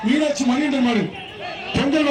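A man announcing a live bull-taming event through a megaphone or loudspeaker, with loud, rapid calls and repeated phrases. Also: extremely high pitch, fairly even intonation. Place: outdoor bull-taming arena with crowd. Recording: echoing loudspeaker outdoors, crowd noise.

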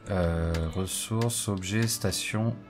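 A man's voice: on the low side, slow pace. A man hosting a let's play, chatting casually and jokingly as he thinks aloud through the game. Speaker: gaming video host. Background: game music.

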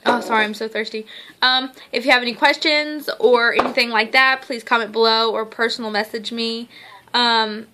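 A young adult woman vlogs daily fitness updates from her living room couch, chatting casually and getting easily sidetracked. Her voice is a little high, pushed and bright, at normal speed with fairly even intonation. Recorded on a camera or phone at arm's length, it's a noisy home phone-style recording with clicks, background noise and a small child playing nearby.

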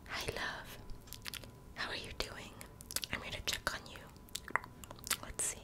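A woman doing a whispered role-play in a soft, breathy ASMR whisper, with playful, doting personal attention. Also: unhurried. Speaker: ASMR performer.

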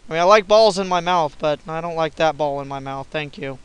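A young man giving casual, silly commentary over his own gameplay, swearing often and breaking into yells. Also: on the high side, brisk, clear, resonant tone, highs cut off. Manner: swearing, silly, bursts of yelling. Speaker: gamer recording gameplay.

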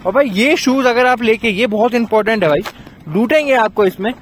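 A man's voice: very high-pitched, brisk, a little hiss or hum. A young man vlogging outdoors on a mountain trail, chatting casually to his viewers and calling them brother, filmed on a handheld camera. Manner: chatty, addresses viewers as bhai. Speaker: travel vlogger. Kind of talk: casual vlog chat.

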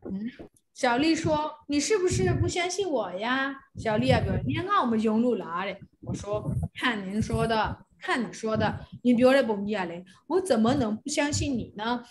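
A woman's voice: a little high, animated, normal speed, noisy background. A woman teaching a Chinese class, explaining phrases and calling on students to read. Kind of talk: classroom instruction.

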